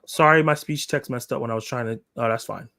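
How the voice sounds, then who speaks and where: A man from Jamaica hosting a casual live stream, animated and laughing often as he reads the chat. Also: mid-range voice, fast, vocal fry. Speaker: livestream host.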